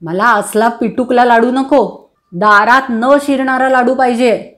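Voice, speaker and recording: A woman's voice: on the high side, measured pace, a bit bright. A woman reading a story aloud and voicing a boastful, stubborn young man who insists and taunts. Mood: cocky. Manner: cocky and insistent.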